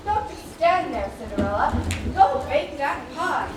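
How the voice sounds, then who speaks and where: A haughty, scolding stepmother in a children's musical. Her high voice is slow and melodramatic. It carries through an echoey theatre from a distance, with music around it. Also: sing-song, heavy background noise. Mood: imperious, scolding. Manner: imperious, melodramatic. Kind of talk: children's stage musical acting.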